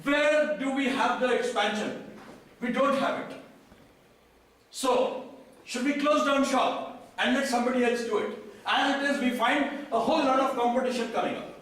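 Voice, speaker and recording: A man's voice: very high voice, moderate pace, long pauses, fairly bright tone. A man with an Indian accent, speaking at a conference, quizzing the audience and repeating their answers back. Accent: Indian English. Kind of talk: interactive talk to an audience. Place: conference hall. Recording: echoey hall from a distant mic, faint noise.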